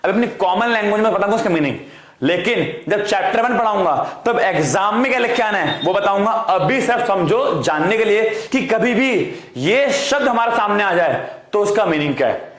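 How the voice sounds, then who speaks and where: A man's voice: high voice, lively intonation, a little fast, fairly bright tone. A man teaching an economics class, repeating key points and calling out to his students. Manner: repetitive call-and-response drilling, addresses students as "beta". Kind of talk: online class lecture. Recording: echoey room.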